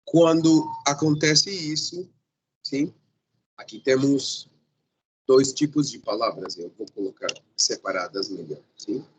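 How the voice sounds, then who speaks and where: A male teacher giving a grammar lesson, patient and repetitive, often pausing to check that the class follows. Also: mid-range voice, slight background noise, rough recording.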